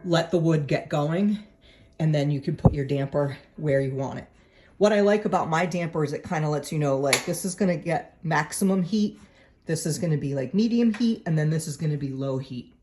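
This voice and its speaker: A speaker from New England giving a casual how-to at home by a woodstove, chatty and informal, often checking in with a quick "right?". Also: medium pitch, music in the background. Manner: chatty and informal, with frequent tag questions. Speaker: home vlogger explaining a woodstove to a friend. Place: at home beside a woodstove, indoors.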